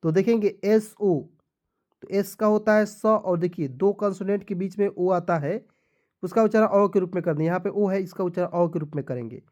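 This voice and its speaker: A man's voice: high-pitched, normal speed, darkish tone, dull audio. Patient man teaching beginners. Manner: asks questions and answers them himself, spells words letter by letter; patient, repetitive explaining. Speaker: English teacher. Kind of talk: spoken lesson for beginners.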